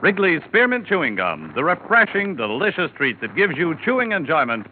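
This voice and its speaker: A man reading commercials as a 1950s radio announcer, in a bright sales style. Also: fairly high pitch, huge pitch swings, fairly quick, slight background noise. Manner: bright, sing-song salesmanship. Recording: tinny old radio broadcast.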